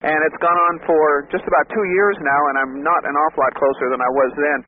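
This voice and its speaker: A man calls in over a thin phone line with a faint hiss behind him. His voice sits a little high, and he lays out his problem plainly and steadily. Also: fast. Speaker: caller, contractor.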